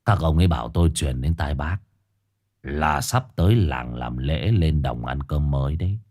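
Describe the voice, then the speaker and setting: A man's voice: extremely low pitch, expressive, normal speed, darkish tone, pitched below the performer's own voice. A man voicing a drunk, menacing male village enforcer who slurs and drawls his threats.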